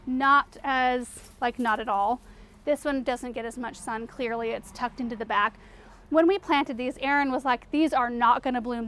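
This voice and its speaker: A woman in her thirties with a light, high voice leads an unscripted walk through her backyard garden. She chats warmly and loosely, stopping for plenty of "um" and "like". She sounds close on a clip-on mic out in the open air. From Eastern Oregon, US. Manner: chatty, enthusiastic, lots of fillers like "um" and "like". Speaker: garden show host. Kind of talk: casual garden tour walkthrough. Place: outdoor home garden.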